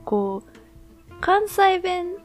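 A woman's voice: extremely high pitch, sing-song, very slow, faint music behind. A woman from Kyoto speaking in a Kansai accent and dialect, chatting casually as a podcast co-host. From Kyoto, Japan. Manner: colloquial Kansai dialect phrasing. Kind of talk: casual chat.

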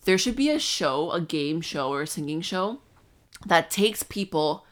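A woman's voice: lowish voice, expressive, measured pace. A young woman co-hosting a podcast in casual chat, teasing and bantering with some swearing. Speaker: podcast co-host.

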